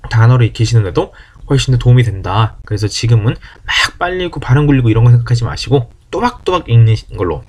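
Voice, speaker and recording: A man teaching an online German lesson, explaining quickly and then saying German words slowly and clearly, with many questions put to his listeners. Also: medium pitch, a little mellow.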